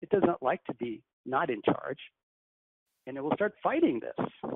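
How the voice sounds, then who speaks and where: A man leading a guided breathing meditation as a channeler on a group call, speaking in a measured, commanding, instructive way. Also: fairly high pitch, sing-song, husky, no echo. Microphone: conference call phone. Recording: tinny phone line with faint hiss.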